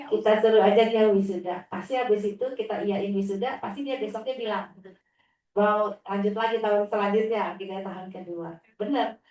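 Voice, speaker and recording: A woman's voice: medium pitch, fairly even intonation, brisk, a little mellow. A woman religious teacher sharing stories about her students, acting out a child's whiny replies. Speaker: Islamic teacher. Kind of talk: inspirational sharing talk. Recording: echoey room, distant mic.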